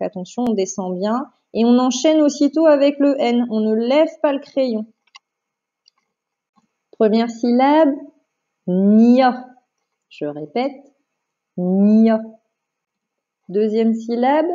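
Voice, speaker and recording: A woman, a primary school teacher, giving a remote phonics lesson to a child, patient and clear, repeating each syllable for dictation. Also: sits high, warm tone. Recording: dull lo-fi home recording.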